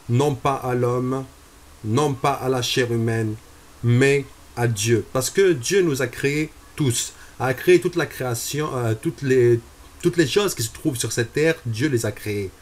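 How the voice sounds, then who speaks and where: An Algerian man in his twenties shares a personal religious testimony in a medium-pitched voice. He speaks slowly and deliberately, hesitating often.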